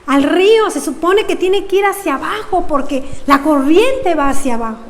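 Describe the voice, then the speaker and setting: A woman voicing a man who calls out loudly to a friend struggling in a river, during a sermon joke. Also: extremely high pitch, animated, normal speed, big-room sound. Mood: reasoning. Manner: loud calling out.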